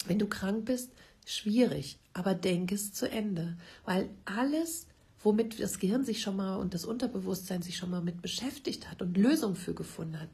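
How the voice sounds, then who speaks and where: A middle-aged woman giving earnest advice on facing fears, speaking to the listener directly and often dropping to a soft whisper. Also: mid-range voice, moderate pace, husky. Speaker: self-help speaker. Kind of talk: advice talk on coping with fear.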